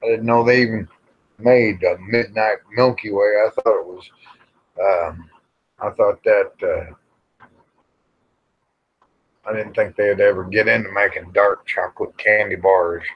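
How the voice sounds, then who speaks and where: A husky, fairly low-pitched American man of middle age or older hosts a casual livestream chat at a moderate pace, with fairly even intonation. He rambles in a folksy, plain-spoken way and cusses mildly. The sound is dull, lo-fi livestream audio.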